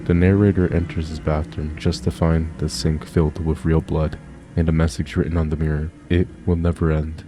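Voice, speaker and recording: A man reading scripted horror story narration as a YouTube narrator, in a steady, even retelling. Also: a bass voice, fairly quick. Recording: music playing behind.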